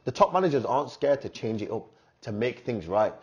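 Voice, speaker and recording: Male, mid-pitched and husky, teasing casual football banter, slightly muffled podcast sound. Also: very animated, fairly quick. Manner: teasing, slangy.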